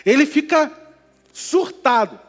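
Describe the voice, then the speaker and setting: A male preacher with a fairly high voice delivers an animated sermon, trading storytelling for jokes and questions to the crowd. His voice rings with a long church reverb, and soft music plays under it. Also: slow pace. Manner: animated storytelling with jokey asides and questions to the congregation.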